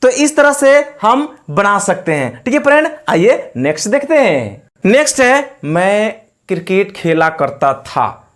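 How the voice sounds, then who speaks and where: A man with an Indian accent teaching spoken English in Hindi, slowly and patiently repeating each example. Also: high voice, sing-song, fairly bright tone.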